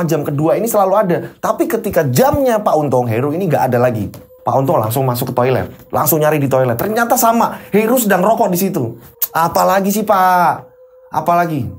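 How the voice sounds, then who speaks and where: A man's voice: fairly high pitch, a little mellow. A man narrating a horror story in a chatty, conversational way.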